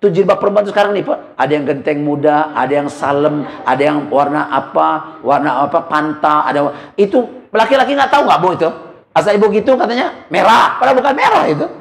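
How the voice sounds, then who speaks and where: A man's voice: fairly high pitch, gravelly, echoey room. A middle-aged man giving a comic sermon, telling jokey stories and constantly turning to the congregation. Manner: joking storyteller, addresses the congregation constantly. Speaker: preacher. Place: mosque.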